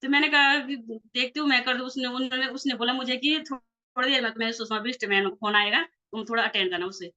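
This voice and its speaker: A woman's voice: on the high side, steady tone, quick pace, pushed and bright. A woman, a network marketing leader, telling her personal story casually and acting out past conversations with animation. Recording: slightly dull lo-fi recording.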